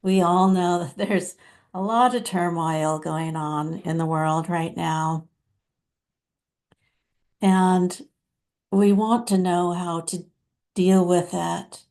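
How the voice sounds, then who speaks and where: A woman hosting a spiritual channel and leading a guided meditation. She speaks very slowly with calm, gentle breathing cues, and her voice is warm and mellow. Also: fairly low pitch. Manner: calm, slow, gentle instructions.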